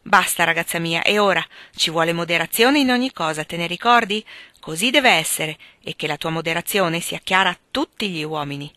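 A woman's voice: fairly low pitch, animated, fairly quick, sharp tone, dry recording. A woman reading the lines of a stern elderly male village reverend who firmly cuts the party short. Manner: firm, admonishing.

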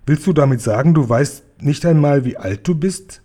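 Man voicing storybook little girl, curious, polite, earnest questions, mellow tone. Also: a little high, expressive, moderate pace. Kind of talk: reading a children's book aloud.

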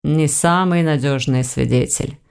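A woman voicing a calm, thoughtful man investigator in an audiobook, dropping her voice and slowing down. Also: vocal fry, clear, resonant tone. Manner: slow, lowered, measured delivery.

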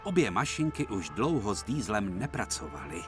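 A man doing scripted storybook narration for a children's cartoon dub, reading in a lively, expressive way, with music behind. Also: lowish voice.

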